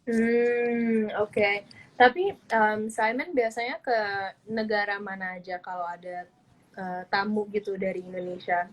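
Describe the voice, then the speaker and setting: A woman's voice: mid-range voice, steady tone, unhurried, poor audio. A woman in her twenties hosting a casual live-stream interview, chatty, eager and upbeat, talking over a video call. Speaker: host.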